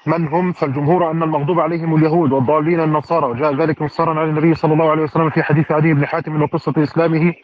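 Fast-reading man, muffled lo-fi sound. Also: a little high, flat delivery. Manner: fluent formal reading with careful vowel endings. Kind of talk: reading a classical commentary aloud in a study circle.

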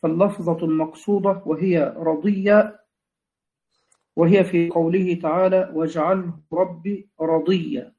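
A man with an Egyptian accent follows along with a teacher, cutting in with brief corrections and reading out a note. He has a fairly high, mellow voice, and the sound is dull and muffled. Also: steady tone, measured pace. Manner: short interjections and corrections. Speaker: student.

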